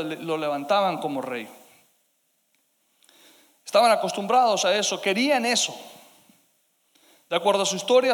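High-voiced preacher in a reverberant hall. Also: male voice. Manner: dynamic preaching, swinging between loud emphasis and hushed asides. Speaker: pastor. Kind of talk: sermon.

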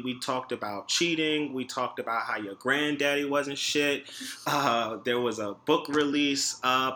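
A man hosting a podcast in an informal, conversational way, often pausing and adding little tags as he talks. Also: medium pitch, bright, forceful tone. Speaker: podcast host. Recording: faint background noise.

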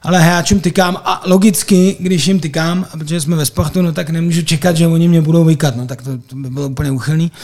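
A man's voice: a little high, fairly even intonation, hardly any pauses, darkish tone. A man, a hockey referee, chatting on a podcast and rambling with lots of fillers and restarts. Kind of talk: casual podcast chat.

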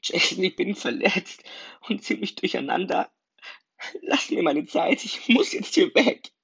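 Man doing a hurt teenage schoolgirl, high strained voice, loud, tearful, storybook reading. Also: measured pace, creaky, breathy edge, no room sound, exaggerated voice. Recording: dull lo-fi recording.

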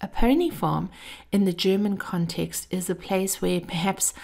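A woman podcast host giving a scripted motivational monologue in an intimate, measured way, her breathy voice often dropping toward a whisper. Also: medium pitch, a little mellow.

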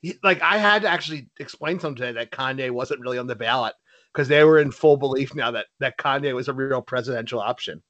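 A middle-aged man and father chatting casually on a podcast, telling stories with lots of laughter and quick asides. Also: medium pitch. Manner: animated storyteller, laughs often. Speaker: podcast co-host. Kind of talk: casual chat.

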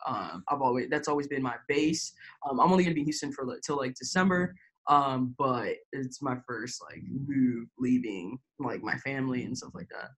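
A woman's voice: extremely low pitch, moderate pace, poor audio. A young woman from Florida talking candidly in an interview, hesitant, full of fillers and the odd swear word. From Tampa, Florida, USA. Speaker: interview guest. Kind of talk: personal interview.

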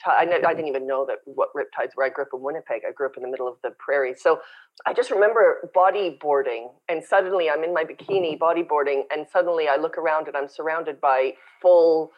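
A woman raised in Canada, a podcast guest and company founder, chatting and telling lively stories over a remote call. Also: low voice, fast talker, lo-fi sound. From born in South Africa, raised in Canada. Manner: chatty, storytelling, animated. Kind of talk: casual interview chat. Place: home in Brazil, remote call.

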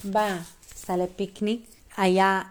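A woman improvising a gentle bedtime story, stopping to ask the child what happens next. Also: mid-range voice, little pitch movement, a little hiss or hum. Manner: gentle, asks the child questions along the way.

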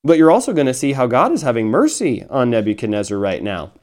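A man's voice: mid-range voice, big pitch swings, fast talker, a little mellow. A man teaching verse by verse through a Bible chapter, reading passages aloud and explaining them with earnest emphasis. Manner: earnest, emphatic preaching with scripture read aloud.

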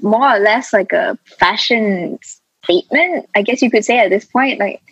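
A woman's voice: on the high side, moderate pace, a bit bright, slightly rough, dry recording. A young woman with a Malaysian English accent, chatting casually with friends and repeating herself emphatically as she searches for words. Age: young adult. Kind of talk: casual chat among friends. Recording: dull lo-fi sound.

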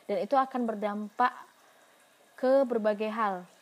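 A woman's voice: medium pitch, fairly even intonation, a little slow. A woman giving a university lecture in an explanatory way, asking herself questions and answering them, with frequent fillers.

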